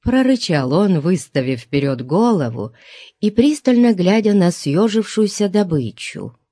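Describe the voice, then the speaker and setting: A woman narrating an audiobook in an expressive reading. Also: fairly low pitch, measured pace, no room sound, clean studio sound.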